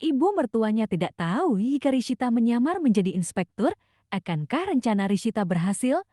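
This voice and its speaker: A woman narrating a drama recap and talking straight to her viewers. Her voice is mellow and fairly high. The sound is dry. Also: sing-song, a little fast, no room sound. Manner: chatty, addresses viewers.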